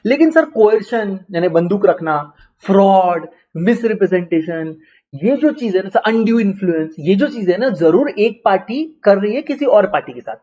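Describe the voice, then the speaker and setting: A teacher with an Indian accent gives an online lecture in Hindi, mixing in English terms and repeating key words often. He poses questions and answers them himself, his high, slightly mellow voice lively in intonation at normal speed, with the highs cut off in the audio.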